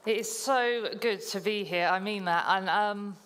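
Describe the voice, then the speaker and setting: A woman's voice: medium pitch, measured pace, a bit bright, clear, resonant tone. A woman from the South Coast of England, a guest speaker telling a chatty personal story in a sermon. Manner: chatty, self-deprecating storytelling. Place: church hall. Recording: long church hall reverb.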